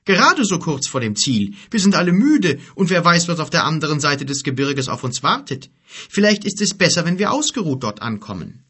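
A man's voice: a little high, sing-song, normal speed, a bit bright, slightly rough, pitched above the performer's own voice, full character voice. A man voicing a male giant in a fantasy audiobook, speaking in a raised, pressing way. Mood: cautious. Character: male giant, cautious and urgent companion.

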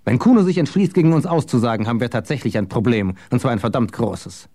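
A man's voice: lively intonation, fast talker, mellow, close to an everyday voice. A man reading an audiobook, voicing a fervent, persuasive male conspirator who pleads with rising passion. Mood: impassioned. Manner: impassioned, pleading, rising pitch.

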